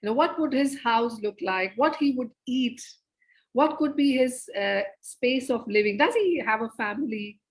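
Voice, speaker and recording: A woman's voice: a little high, normal speed, poor audio. Coaxing woman leading a workshop. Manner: lively, coaxing audience participation. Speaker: theatre educator and presenter. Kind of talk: interactive online workshop facilitation. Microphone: video call.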